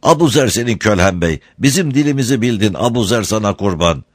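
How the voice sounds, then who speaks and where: A man's voice: lowish voice, lively intonation, fairly quick, dry recording, clean studio sound. A man voicing a humble, pleading wandering Bedouin shepherd in a read-aloud story. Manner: pleading, servile, repeats he is a sacrifice.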